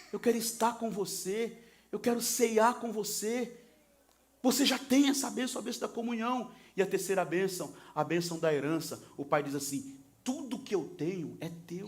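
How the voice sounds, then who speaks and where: A male pastor preaching a sermon, swinging from soft talk to shouting and acting out quoted lines. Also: high-pitched. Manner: acts out the sons and father in quoted voices.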